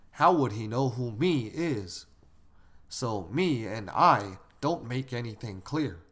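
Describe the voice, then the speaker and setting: A man giving a didactic lecture on etiquette in a measured, instructive way, often asking his listeners questions. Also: mid-range voice, a bit bright. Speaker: lecturer on moral teaching.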